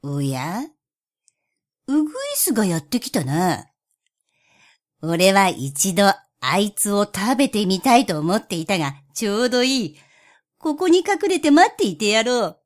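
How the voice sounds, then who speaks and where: A woman's voice: mid-range voice, sing-song, moderate pace, natural voice. A woman voicing a sly, scheming male spotted cat who coaxes in a syrupy tone, in a storybook reading. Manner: coaxing, wheedling tone.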